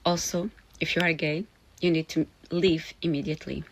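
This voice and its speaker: A woman from Portugal, a lawyer speaking to camera in an earnest, halting way. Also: deep voice, steady tone, a little hiss or hum, rough recording. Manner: earnest, halting, with frequent pauses. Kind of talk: direct-to-camera warning video.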